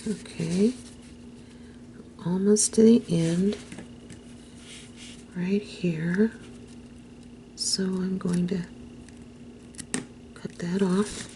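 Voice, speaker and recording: A woman hosting a craft tutorial, explaining each step gently and unhurriedly, sometimes dropping to a soft whisper as she works. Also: on the low side, steady tone, extremely slow, long pauses, a little hiss or hum.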